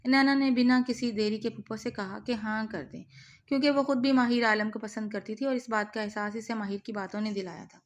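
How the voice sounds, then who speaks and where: A woman reads a dark romance novel aloud in a steady, measured storytelling manner. Her voice sits fairly high. The delivery stays even and scripted throughout. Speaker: audiobook narrator.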